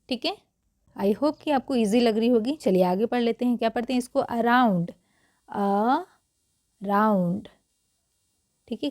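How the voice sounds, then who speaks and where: A woman's voice: fairly high pitch, a little mellow, no echo, clean studio sound. A woman teaching English reading in Hindi, patiently repeating each word and quizzing the viewer.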